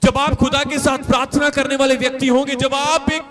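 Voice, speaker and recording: Very high-voiced man preaching a sermon. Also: little pitch movement, brisk, crowd noise. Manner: emphatic, repetitive preaching with hallelujah calls. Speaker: pastor.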